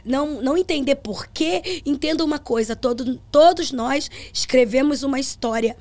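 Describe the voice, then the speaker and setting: A woman's voice: high-pitched, normal speed, a little mellow. A middle-aged woman, a gospel singer and pastor, telling a personal testimony on a podcast in an earnest storytelling manner and acting out the dialogue.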